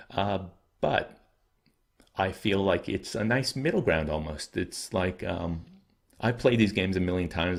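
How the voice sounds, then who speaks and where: A deep-voiced man hosts his own channel, speaking casually and thoughtfully to viewers. He often pauses to weigh his words, and his throat sounds a little dry and scratchy.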